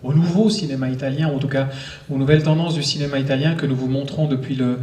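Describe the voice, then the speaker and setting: A cinema host gives a live, rambling, conversational introduction to a screening, speaking to the public in the auditorium. He has a dark, mid-range voice, fairly even intonation and a quick pace; the distant mic picks up the hall's echo.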